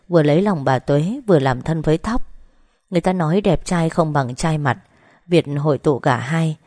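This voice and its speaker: A woman narrating a story in a calm, steady, scripted reading. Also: low-pitched, no room sound, clean studio sound.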